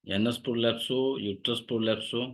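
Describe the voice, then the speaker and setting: This is a man leading an online acupressure lecture, working through a list of points and symptoms. His voice sits in the middle range, and he reads out point names at a slow pace, keeping his teaching tone steady.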